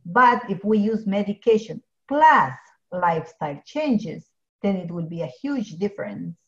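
A middle-aged Ecuadorian pharmacist joins a video call as a guest from her home office with bookshelves, speaking earnestly with many restarts and fillers. Her mid-range voice has lively intonation and an unhurried pace. The audio is dull and lo-fi.

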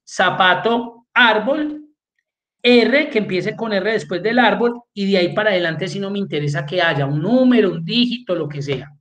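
A man's voice: high-pitched, expressive, moderate pace, a bit bright. A man teaching an online spreadsheet class, walking through each step and checking in with his students. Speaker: spreadsheet course instructor.

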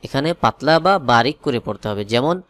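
A man teaching Quran reading letter by letter, explaining in a calm steady voice with slow chanted recitations between. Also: mid-range voice. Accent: Bangladeshi Bengali. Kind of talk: spelling-out Quran recitation lesson.

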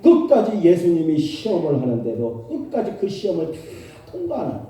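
A male pastor delivers an animated sermon, retelling a story with emphatic repetition. His voice sits high and swoops widely, with a dark, mellow timbre. The recording is echoey, as if captured from far off in a church hall. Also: moderate pace. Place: church sanctuary.

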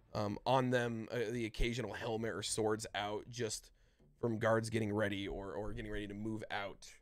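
A man narrating a tabletop fantasy game as the game master, in loose, rambling narration full of restarts. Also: mid-range voice. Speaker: dungeon master.

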